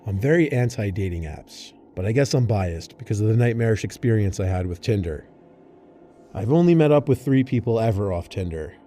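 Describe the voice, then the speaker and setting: A man's voice: fairly low pitch, animated, fairly quick, warm tone, a little hiss or hum. A man reading a scripted first-person story as a narrator.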